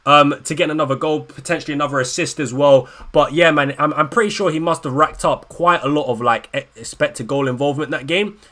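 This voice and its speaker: A young man vents in a casual reaction video, his voice sitting a little high with a bright, forceful edge. He talks in slang and trips over restarts when he gets worked up. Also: quick pace, hardly any pauses. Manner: exasperated, animated, slangy, stumbling restarts. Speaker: fantasy football YouTuber.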